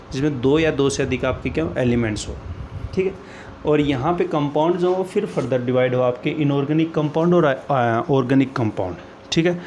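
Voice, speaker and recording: This slow chemistry lecture comes from a man whose mid-range voice has a darkish tone, with slight noise in the background. He repeats key terms, drops in English phrases, and answers the questions he raises.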